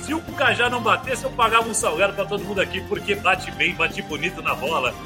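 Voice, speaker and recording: A Brazilian man doing live football play-by-play, explosive goal commentary with shouted, drawn-out goal calls. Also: sits high, music in the background.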